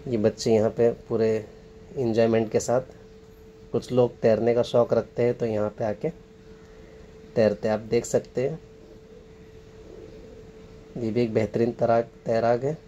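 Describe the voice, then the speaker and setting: A man with a mid-range voice walks viewers through an outdoor spot, narrating casually and pointing things out as a tour guide would. He is recorded outdoors beside a waterfall, with a faint wash of rushing water behind him. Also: mid-range voice, level tone, warm tone, highs cut off, a little hiss or hum. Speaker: travel vlogger. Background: rushing water and outdoor ambience.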